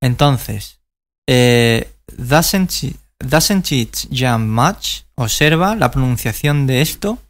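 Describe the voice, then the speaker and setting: A man teaching English grammar in a recorded video lesson, explaining slowly and carefully with frequent fillers, a native Spanish speaker. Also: fairly high pitch, fairly bright tone.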